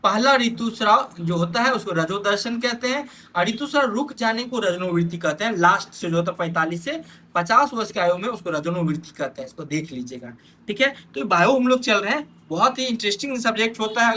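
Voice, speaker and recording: Man, exam-prep teacher, bright tense voice, frequent check-ins with students. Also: high voice, animated, fairly quick. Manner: repeats "theek hai" as a check-in; addresses students directly, pointing at notes.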